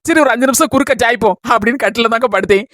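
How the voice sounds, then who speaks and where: A woman with a Kanyakumari Tamil accent performing in a village family comedy skit, talking in a brisk, coaxing manner. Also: a little high, fairly bright tone, no echo, studio quality.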